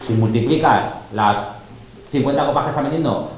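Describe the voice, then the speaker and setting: A man's voice: mid-range voice, fairly quick. Emphatic man in a very echoey room. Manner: emphatic, boastful storytelling with acted-out quotes. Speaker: DJ and teacher. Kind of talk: casual talk to students. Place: large school room with students. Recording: very echoey room, faint noise.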